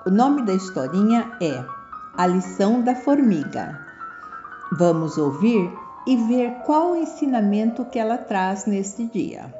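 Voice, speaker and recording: Brazilian woman, children's storytelling, deliberate delivery, dark warm timbre, light music behind. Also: mid-range voice, very animated. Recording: muffled lo-fi recording, music behind.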